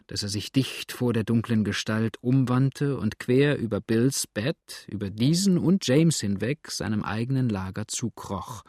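A man reading a novel aloud in steady, scripted narration. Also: lowish voice, dry recording, studio quality. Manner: steady, even storytelling. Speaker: audiobook narrator.

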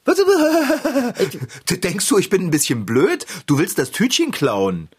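A man playing an excitable, touchy bicycle tinkerer in a children's radio play, bickering and teasing defensively. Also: high-pitched, slow, breathy edge, exaggerated voice.

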